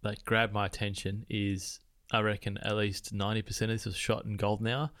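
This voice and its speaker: Laid-back low-voiced man. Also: level tone, brisk, a bit bright. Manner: laid-back, laughs often, swears casually. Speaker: podcast co-host. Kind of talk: casual film review chat.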